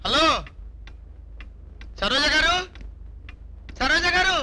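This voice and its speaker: A man's voice: extremely high pitch, animated, drawn-out words, sharp tone, a little hiss or hum, full character voice. An actor playing a bumbling, panicky young cosmetics salesman in a film comedy, wailing out one exclamation after another. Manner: frantic, full of wailing exclamations.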